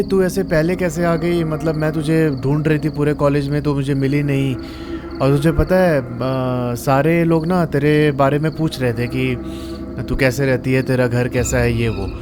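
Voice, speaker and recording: A man's voice: fairly high pitch, background noise. Chatty male storyteller. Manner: chatty, addresses listeners as friends. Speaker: horror story narrator. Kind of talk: casual storytelling narration.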